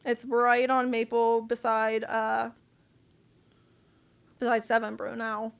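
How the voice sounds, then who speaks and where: A woman's voice: on the high side, monotone, takes it slowly, gravelly, smooth. A woman guest on a podcast, telling her own story in a candid, casual and profane way.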